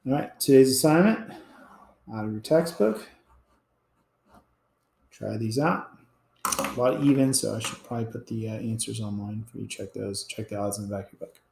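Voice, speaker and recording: A man's voice: on the low side, moderate pace, creaky, long pauses, slight background noise. A man teaching a calculus class, explaining casually and letting his voice drop off at the end of each point. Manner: casual and explanatory, trails off quietly at ends of points. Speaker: math teacher. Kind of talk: classroom lecture at a board. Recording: roomy classroom echo.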